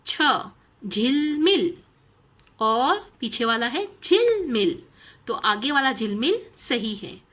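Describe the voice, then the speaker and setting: A woman with a bright, slightly husky voice teaches young children. She speaks very slowly and carefully, drawing out each word for them to copy. She asks simple questions of the class as she goes. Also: a little high, very animated. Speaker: primary school Hindi teacher. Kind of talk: slow, clearly enunciated lesson for young children.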